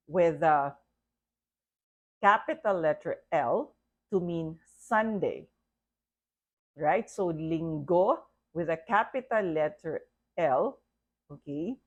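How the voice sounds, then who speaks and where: Slow, patient woman teaching. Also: fairly low pitch, darkish tone, highs cut off. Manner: patient, repeats words and checks in with "okay?". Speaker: language teacher. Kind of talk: slow, deliberate language lesson.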